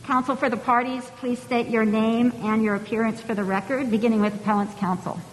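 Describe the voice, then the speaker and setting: A woman's voice: level tone, fairly quick. A woman presiding as judge, running formal court proceedings in a courteous, orderly way. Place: large conference hall. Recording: reverberant hall, faint rumble.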